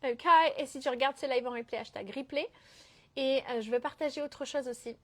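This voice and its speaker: A woman's voice: sits high, fairly even intonation, a little fast. A woman business coach talking on a live stream, emphatic and dropping English phrases into her speech. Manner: mixes English phrases into French; emphatic, keeps asking "ok?".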